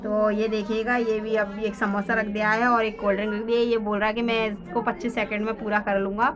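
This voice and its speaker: Woman with a flat, lo-fi vlog voice. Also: mid-range voice, a little fast, a crowd in the background. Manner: narrates step by step with many fillers. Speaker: family vlogger. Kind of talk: casual vlog narration.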